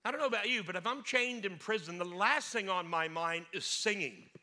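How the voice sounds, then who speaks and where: A middle-aged man preaching a sermon as pastor, animated and acting out scripture scenes with playful asides. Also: sits high, brisk. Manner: animated, acts out Bible scenes in voices.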